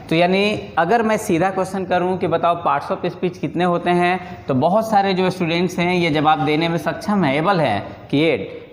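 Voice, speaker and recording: High-voiced man teaching grammar, echoey. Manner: explains step by step, often checks with 'ठीक है'. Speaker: English teacher. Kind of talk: classroom grammar lesson. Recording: echoey room with long reverb.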